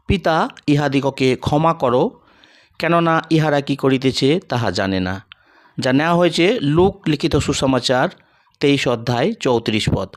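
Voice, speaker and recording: A man preaching a scripted devotional sermon in a measured, solemn way, slowing down for emphatic lists. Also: a little high.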